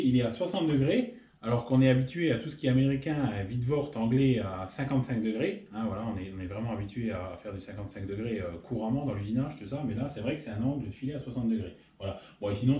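A man hosting his own workshop channel, explaining machining in a casual technical tutorial, often pausing with fillers. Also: mid-range voice, mellow, muffled recording. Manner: hesitant, many filler pauses. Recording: roomy echo.

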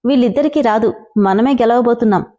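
A woman voicing a cheerful, playful young woman who pleads and gets excited. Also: fairly high pitch, fast talker, close to an everyday voice.

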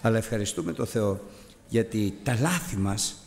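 A man preaching a sermon, animated, climbing to high exclamations and dropping low as he tells a story. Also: long reverb tail, a little hiss or hum.

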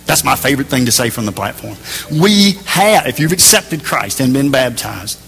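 A man preaching a sermon in a church, emphatic, moving between raised passages and hushed ones. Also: medium pitch, big pitch swings, moderate pace, gravelly, in a large hall, soft background music. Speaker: pastor.

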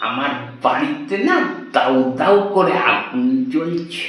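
A man's voice: a little high, lively intonation, fairly bright tone, soft background music. Man acting a belligerent drunk husband, very echoey. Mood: slurred pleading. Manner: belligerent drunken rambling, drawn-out words. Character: belligerent drunk husband, rambling, muddled and insolent. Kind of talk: comedy sketch acting. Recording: very echoey, reverberant room.

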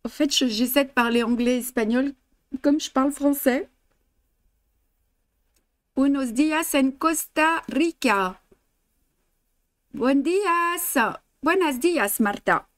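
Speaking slowly and pausing often, this woman has a high voice recorded with no room sound. She's in her fifties, comes from France and has a French accent, and she's teaching stitching on a live stream in a chatty way, laughing a lot and mixing in English and Spanish. The setting is an indoor studio against a blue backdrop.

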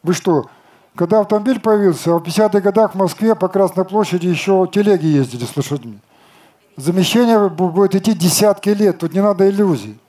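An older man talking on an outdoor festival stage in a somewhat high but dark, mellow voice. He lectures with confidence and answers objections with rhetorical questions of his own. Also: quick pace. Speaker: company chief designer answering questions.

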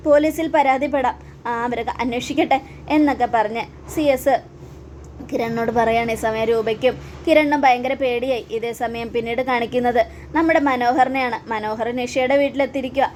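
A woman retelling a TV serial episode in a brisk storytelling style. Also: on the high side, fairly even intonation, a little mellow, slight background noise. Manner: brisk retelling, plainly narrated. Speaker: serial recap narrator. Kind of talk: storytelling recap.

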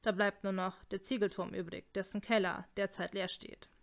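A woman's voice: mid-range voice, flat delivery, moderate pace, vocal fry, natural voice. A woman reading the lines of a huge, leering town bailiff who speaks in a smirking, mock-servile way, in an audiobook.

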